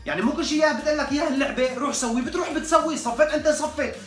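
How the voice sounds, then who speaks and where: Man, Syrian accent, comedic rant, mock-exasperated, very fast, roomy echo, distant from mic. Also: very high voice, fairly bright tone. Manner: joking, ranting, mock-exasperated. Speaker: comedy vlogger. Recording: echoey room, off-mic, faint music.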